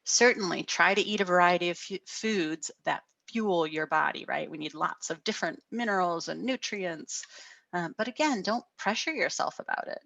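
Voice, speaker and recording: A middle-aged woman counselor giving a gentle guided wellness talk over a video call, often asking "right?". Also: fairly low pitch, normal speed, creaky, dry recording. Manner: gentle, frequent "right?" tags.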